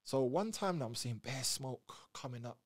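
Man, animated storyteller, lively melody, dry booth sound. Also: mid-range voice, moderate pace, no echo. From Reading, England. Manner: animated, acts out other people's voices, street slang. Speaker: podcast guest. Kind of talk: casual storytelling.

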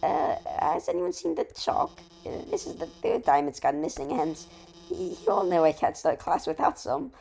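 A woman's voice: on the low side, very animated, moderate pace, gravelly, warm tone, exaggerated voice, poor audio. A woman voicing a nervous adult female reptile teacher from a video game, hesitant and stammering. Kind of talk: amateur game dialogue read-aloud.

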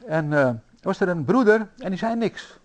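A man preaching a sermon in a church, telling stories in a lively, anecdotal way with frequent fillers. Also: high voice, normal speed, a little hiss or hum. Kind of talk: sermon storytelling.

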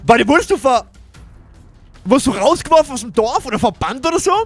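A young man with a very high, bouncy voice hosts a casual gaming roleplay. He jokes around and keeps breaking off to talk to his viewers, with faint music behind him. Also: a little fast. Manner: excitable, jokey, keeps turning to address viewers. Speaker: let's play host.

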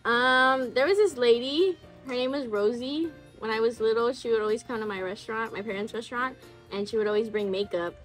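A woman in her twenties hosts a casual chat, reading viewer confessions aloud and commenting in slangy, informal terms. Her voice is on the high side and fairly quick, with faint music behind her.

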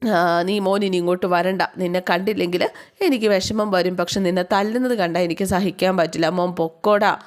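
A woman's voice: fairly low pitch, fairly even intonation, brisk, close to an everyday voice. Woman voicing a tearful tender old mother. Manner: tearful, pleading.

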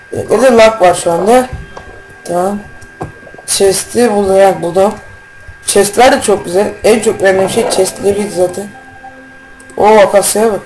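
A man giving casual, rambling let's-play commentary as a gaming YouTuber, slangy and quick to get irritated, with faint game music behind him. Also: high-pitched, darkish tone, slight background noise, low-quality recording.

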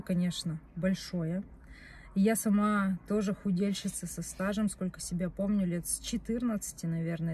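Sitting in her parked car, a young adult vlogger rambles chattily to the phone camera on the dashboard, often correcting herself. Her mid-range voice is mellow, and there's a little hiss or hum in the recording.

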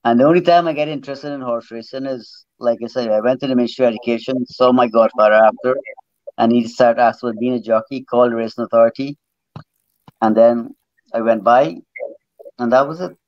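A middle-aged man, formerly a jockey, from Trinidad and raised in Guyana, casually recounts his life at length on a video call, drifting and repeating words. His medium-pitched voice is brisk and a little mellow, with a dry recording and slightly dull call sound.

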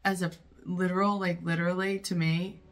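A woman hosting a movie reaction, talking casually with loud, excitable outbursts and plenty of swearing. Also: lowish voice, moderate pace.

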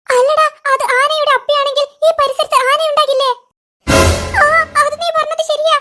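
A woman voicing excitable, bickering cartoon children. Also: very high-pitched, normal speed, faint music behind. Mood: excited. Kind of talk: cartoon voice acting.

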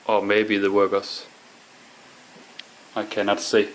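A Danish urban explorer talks slowly to himself while wandering an abandoned house and barn, both inside and out, in a casual walkthrough narration. His lowish voice is monotone and his manner musing and halting, on a low-quality recording with a little hiss or hum.

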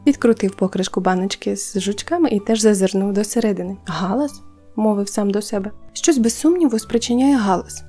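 A woman narrating a children's fairy tale in an even storytelling manner. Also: medium pitch. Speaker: audiobook narrator. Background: faint music.

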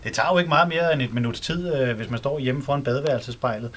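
A man hosting a live radio feature, asking lively, leading questions in a radio studio. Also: medium pitch. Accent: Danish. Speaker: radio host. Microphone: handheld radio microphone.

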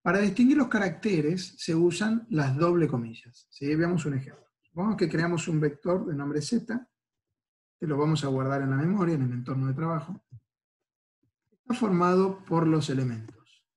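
A male university lecturer with an Argentine Spanish accent walks through a recorded lesson one step at a time. His voice sits a little high for a man, and he keeps checking in with his listeners after almost every phrase. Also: animated, normal speed, darkish tone. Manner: explains step by step, checks in with frequent "¿sí?" and "¿no es cierto?".

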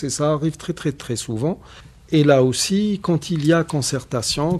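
Gravelly, husky-voiced radio host. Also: male voice, medium pitch, darkish tone. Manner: measured, emphatic, firm rebuttals, many repetitions. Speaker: radio show host on Islam. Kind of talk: explanatory radio discussion.

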